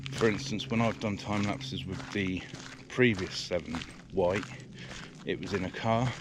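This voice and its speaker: A man's voice: low-pitched, a little slow, noisy background. A British man vlogging a camera review while walking in the countryside, a little out of breath, rambling with lots of fillers, recorded on the camera's own mic. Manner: rambling, hesitant, many fillers. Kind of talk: casual walking vlog. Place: outdoors in the countryside, walking by a river. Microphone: action camera's built-in mic.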